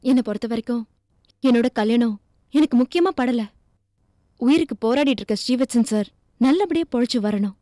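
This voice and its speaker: A woman's voice: a little high, fairly quick, long pauses, dark tone, no echo, studio quality, lightly acted. An actress playing a devoted young woman firmly standing by her decision, in a TV serial. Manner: earnest and determined. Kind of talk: TV serial acting.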